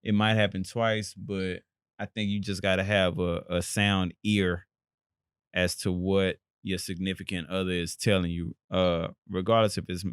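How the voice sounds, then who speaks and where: A man's voice: sits low, level tone, measured pace, smooth, no room sound, studio quality. An American man co-hosting a podcast, talking in a thoughtful way with hesitant restarts. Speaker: podcast co-host. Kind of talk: casual chat.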